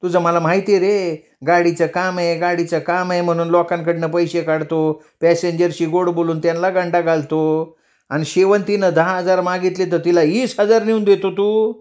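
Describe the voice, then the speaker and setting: Casting note: a quarrelsome village sister, put on by a male storyteller, scolding and taunting, high-pitched. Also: level tone, moderate pace, darkish tone, close to an everyday voice. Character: sharp-tongued village woman, hero's elder sister.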